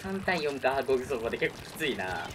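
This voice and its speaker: A man's voice: mid-range voice, very animated, fast talker. A man giving live gameplay commentary, reacting as he goes, between muttering to himself and exclaiming. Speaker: gaming streamer. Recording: music and game audio behind. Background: video game music.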